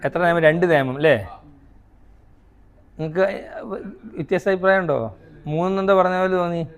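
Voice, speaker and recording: Man, high voice, recitation teacher, questioning students, slow repeated sounding out. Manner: asks students questions and answers them himself; models recitation slowly and repeats rules. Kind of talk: classroom tajweed lesson.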